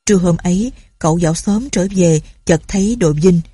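A woman narrates a story in a calm, even reading style. Her voice is low, mellow and husky. The recording is close and dry with no room sound. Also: brisk, no echo.

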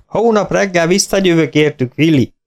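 A man voicing an easygoing, good-natured male livestock dealer who speaks in a relaxed, friendly way. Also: a little high, voice pushed up, lightly acted. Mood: hearty.

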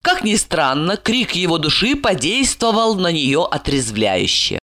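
A woman narrating an audiobook in an expressive, dramatic way. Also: lowish voice, measured pace.

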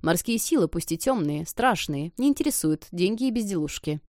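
A woman voicing an old witch grandmother, secretive and stern, speaking in a measured way. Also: lowish voice, expressive, a little mellow, dry recording, studio quality, lightly acted. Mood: weary.

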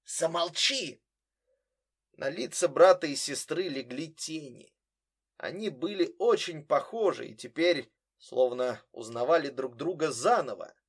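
A man narrating a novel aloud in a steady, measured reading. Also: fairly high pitch, husky. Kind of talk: audiobook narration.

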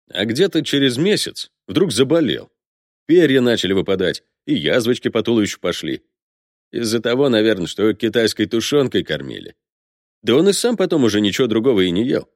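A man's voice: fairly low pitch, no echo, studio quality. A man narrating an audiobook in a colloquial storytelling manner.

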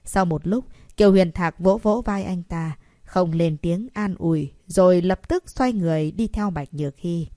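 A woman reading a romance story aloud as a narrator, shifting her pitch slightly for the characters' lines. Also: moderate pace, dark tone, no echo, clean studio sound. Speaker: audiobook narrator.

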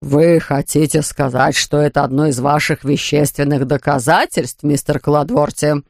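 A reader voicing a stern, pompous older male judge who speaks slowly and gruffly. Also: medium pitch, fairly even intonation, no room sound, clean studio sound, pitched below the performer's own voice, lightly acted. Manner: slow, gruff, barking.

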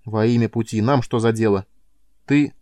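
A man's voice: on the low side, fairly even intonation, moderate pace, dark tone, no echo, clean studio sound, natural voice. A man reading an audiobook plays a cautious, superstitious young man who talks hesitantly and grudgingly. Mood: wary.

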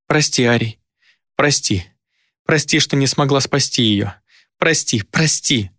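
A grieving female demon as voiced by a man in a dark fantasy audiobook. Her voice is lifted well above the reader's own and sounds dry and close. She pleads in desperation, fierce yet tender. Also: mid-range voice, normal speed, husky, no echo, pitched above the performer's own voice. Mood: despairing.

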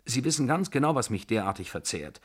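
A man's voice: mid-range voice, very animated, brisk, pitched above the performer's own voice. A man voicing a lovesick young tutor who confesses in an agitated, pleading way in an audiobook. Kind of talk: audiobook dialogue.

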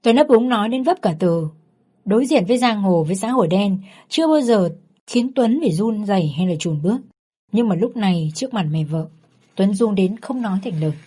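A woman narrating a family drama story in a steady, heartfelt reading. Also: mid-range voice, a little fast, breathy edge. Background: faint background music.

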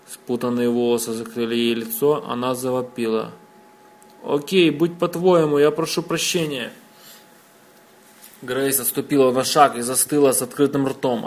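Man narrating a novel, measured. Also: medium pitch, a little mellow. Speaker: audiobook narrator.

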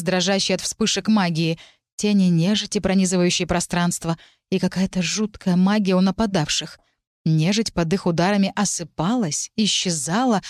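Low-voiced woman narrating a fantasy audiobook. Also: no echo, studio quality. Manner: dramatic, shouting out the characters' cries. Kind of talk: scripted first-person fantasy narration.

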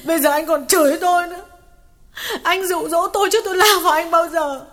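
A woman reading as a young mistress in a storybook drama, shrill and scolding, her bright, high voice cutting through a long reverb. Soft guitar music plays behind her. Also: fairly quick. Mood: tearful. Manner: shrill, scolding, tearful outbursts. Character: young woman secretary and mistress, furious, jealous.

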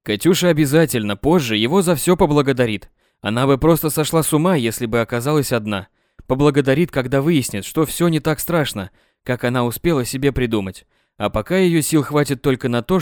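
A man narrating a story in an expressive audiobook style. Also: medium pitch, no echo, clean studio sound. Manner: animated, voicing all the characters.

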